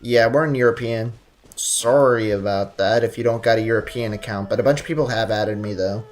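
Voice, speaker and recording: Over game music, a young man chats with his stream viewers as he plays, keeping it casual, playful and full of loose slang. He speaks briskly in a fairly low voice.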